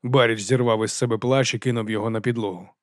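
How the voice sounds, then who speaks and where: Man narrating a quiet fantasy audiobook. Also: medium pitch, fairly even intonation, fast talker, no room sound, clean studio sound.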